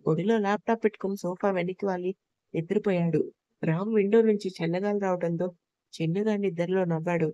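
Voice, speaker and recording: A woman narrating an audio love story in a steady, even storytelling manner. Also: on the low side, fairly quick, no room sound, lo-fi sound.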